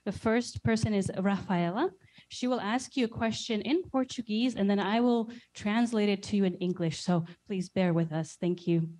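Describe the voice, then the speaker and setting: A woman's voice: medium pitch, normal speed, darkish tone, poor audio. A woman hosting an event, speaking unscripted in a friendly, polite and appreciative way. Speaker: event host and moderator.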